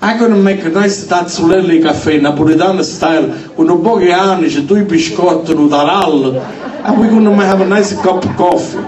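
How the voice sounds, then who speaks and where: A man's voice: high voice, moderate pace, echoey room, far from the mic, crowd noise, natural voice. A man doing a scheming old grandpa. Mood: coaxing. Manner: broken English mixed with Italian dialect.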